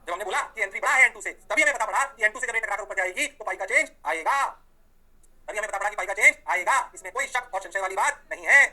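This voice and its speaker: In a lively classroom lecture, a man teaches physics fast in a voice that sits high. Full of energy, he fires questions, answers them himself, and speaks the students' replies for them.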